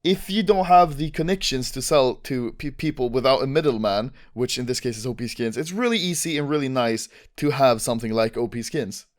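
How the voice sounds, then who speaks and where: A young man giving a relaxed, chatty step-by-step tutorial. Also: mid-range voice, fairly quick, few pauses. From Sweden. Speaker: gaming YouTuber. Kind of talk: casual tutorial.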